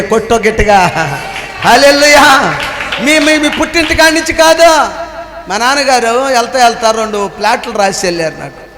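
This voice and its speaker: A man with a very high voice preaches a sermon with fervour. He keeps calling on the congregation to answer louder. His voice rings through a roomy church hall with a long echo. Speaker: pastor. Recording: echoey hall with long reverb.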